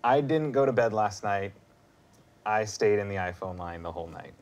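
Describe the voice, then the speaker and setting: Joking guy on a stream, deadpan, pitch bouncing all over. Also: normal speed. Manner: joking, deadpan, drops pirate talk. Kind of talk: casual live stream chat.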